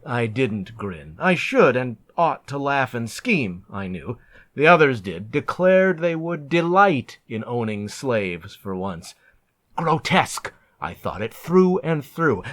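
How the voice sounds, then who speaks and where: Reading his own narrative verse, a male poet performs theatrically and with deliberate, measured pacing. His voice is mid-range and fairly bright.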